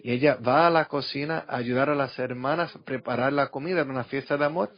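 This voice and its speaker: A middle-aged man preaches a sermon through personal stories, slipping into the voices of the people he quotes. His pitch sits in the middle range. The recording sounds dull and lo-fi. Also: fast talker. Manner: storytelling, acting out quoted voices.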